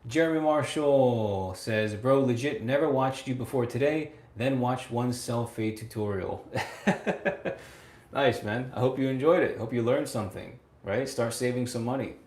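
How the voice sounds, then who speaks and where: This is a casual livestream hosted by an American man in his late twenties who answers viewer comments. His medium-pitched voice is a little slow and mellow, and the sound is reverberant. Chatty and prone to laughing, he repeats phrases and tags sentences with "right?".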